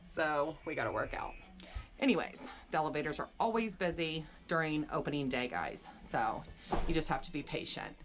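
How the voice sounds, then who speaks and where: A woman's voice: low voice, expressive, normal speed, faint music behind. A woman vlogger chatting casually as she walks through and shows a room, a little out of breath. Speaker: vlogger giving a room tour. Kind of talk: casual room tour narration.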